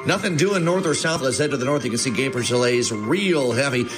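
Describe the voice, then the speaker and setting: A man playing a mock-serious radio traffic reporter who reels off updates in brisk, jokey broadcast patter. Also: mid-range voice, animated, lightly acted. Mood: deadpan. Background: music.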